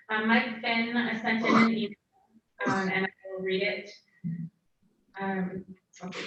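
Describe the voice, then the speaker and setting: A woman's voice: medium pitch, a bit bright. A woman calling the roll and reading aloud at a city meeting over a remote connection whose audio keeps garbling and breaking up. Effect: garbled, breaking-up remote call audio. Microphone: remote call into the meeting. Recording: muffled, distant, very echoey remote line with faint hiss.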